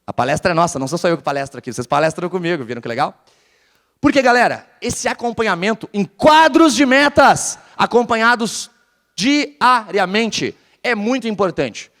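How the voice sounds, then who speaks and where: A man's voice: sits high, moderate pace. A man from Porto Alegre with a southern Brazilian accent, giving a live business talk to an audience and keeping them engaged by quizzing them. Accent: southern Brazilian (gaúcho). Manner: energetic, keeps quizzing the audience. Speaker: conference speaker. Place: large hall with a live audience. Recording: reverberant hall sound.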